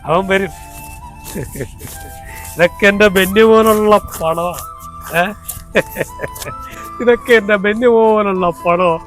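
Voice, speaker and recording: A man's voice: high-pitched, takes it slowly, long pauses, a bit bright, faint music behind. An actor playing a grief-crazed old moneylender father in a comedy skit, rambling and pleading.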